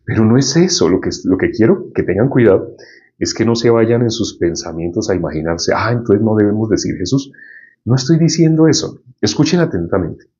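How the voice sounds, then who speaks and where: A man's voice: on the low side, very animated, fairly quick, dark tone, highs cut off. A male preacher giving an informal Bible teaching in a conversational way, often asking his listeners questions.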